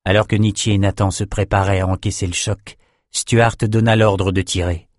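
A man reading a fantasy audiobook in a steady, measured storytelling voice. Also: fairly low pitch, dry recording, studio quality. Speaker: audiobook narrator. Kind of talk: scripted narration.

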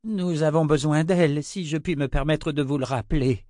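A man's voice: on the high side, normal speed, mellow, no echo, studio quality, voice pushed up, natural voice. A man voicing a nervous woman who serves a tyrant, speaking hesitantly and stammering. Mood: cautious.

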